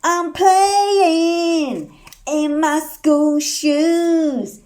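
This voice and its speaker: Singing the refrains and tossing questions to her young audience, a woman reads a picture book in a lively, sing-song style. She speaks in a very high-pitched voice and draws out her words.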